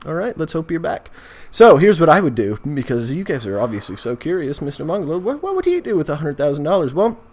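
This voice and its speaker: Talking fast with hardly any pauses, this video host has a fairly high, very animated, slightly mellow voice and an American accent. His casual vlog chat is jokey and meandering, full of self-interruptions.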